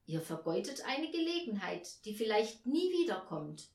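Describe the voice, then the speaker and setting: A woman's voice: medium pitch, sing-song, moderate pace, a little mellow, lightly acted. A weary but patient Christmas angel, voiced by a woman reading a storybook, speaking earnestly and pressing his point. A roomy echo surrounds the voice. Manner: earnest and insistent.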